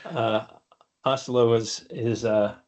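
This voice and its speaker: A man running a tabletop game as game master, narrating monster moves and calling rolls, often pausing and restarting. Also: medium pitch, fairly even intonation, darkish tone.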